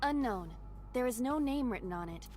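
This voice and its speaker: Prim robot-ish ai girl with a dry formal delivery, bouncy pitch, a woman voicing her for a game. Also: animated, moderate pace, darkish tone, soft background music, lightly acted. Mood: deadpan. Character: female AI partner, formal and deadpan. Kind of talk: game voice acting.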